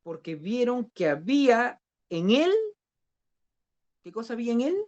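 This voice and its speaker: A man's voice: very high-pitched, expressive, unhurried. A man teaching a discipleship Bible class who questions his students and repeats key phrases. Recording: dull lo-fi recording.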